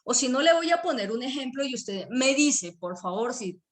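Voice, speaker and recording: A woman's voice: high-pitched, animated, moderate pace. A woman preaching a sermon for an online church service. She explains word meanings, repeats key words and checks in with her listeners. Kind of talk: sermon teaching.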